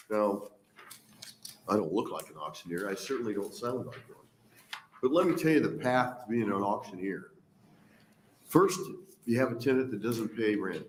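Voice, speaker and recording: A man with an average pitch testifies as a landlord and auctioneer. He talks in a casual, conversational, wry way. His voice echoes around a hearing room. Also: slight background noise. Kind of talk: spoken testimony.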